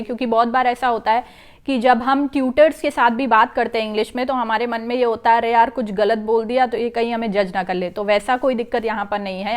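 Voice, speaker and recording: High-voiced young woman vlogging chattily. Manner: chatty, mixes English phrases into speech. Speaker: vlogger giving English-speaking tips. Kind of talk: casual explanatory talk to camera.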